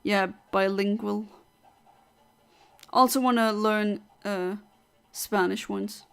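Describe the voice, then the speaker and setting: A woman's voice: medium pitch, fairly even intonation, takes it slowly, creaky, smooth. A woman from southern Luxembourg, chatting casually on a gaming livestream, rambling as she reads out and answers chat. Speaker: streamer.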